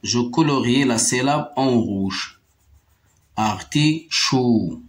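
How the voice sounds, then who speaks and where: A male teacher with a Moroccan accent drills French sounds for young children. He talks at a very slow, careful pace, saying each word twice or three times and stressing every syllable. His pitch sits in an ordinary middle range. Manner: repeats words slowly syllable by syllable, explains in Arabic too. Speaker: primary school teacher. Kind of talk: slow, deliberate French phonics lesson.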